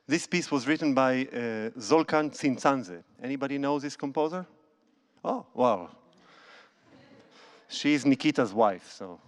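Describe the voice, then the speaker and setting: A man with a medium-pitched, expressive voice speaks a little slowly. He is a conductor and cellist addressing a concert audience from a church stage through a handheld mic, telling stories casually with non-native phrasing and frequent restarts.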